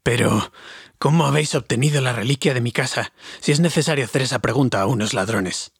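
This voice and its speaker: A man voicing a proud, angry older dwarf king, speaking slowly in a low, wrathful voice. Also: slightly rough, dry recording, clean studio sound. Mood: furious.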